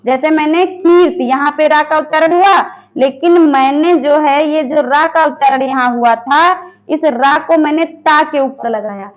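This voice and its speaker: A woman teaching a Hindi lesson for exam preparation. She asks her students questions, answers them herself and repeats each word slowly. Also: high-pitched, lo-fi sound. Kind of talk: online exam-prep lesson.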